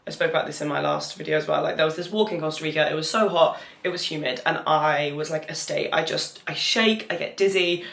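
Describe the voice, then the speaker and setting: A woman's voice: low voice, quick pace, gravelly, few pauses, fairly bright tone. Young British woman chatting in a roomy echo. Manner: rambling, candid, frequent filler "like". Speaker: vlogger. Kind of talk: casual chat to camera, recounting an experience.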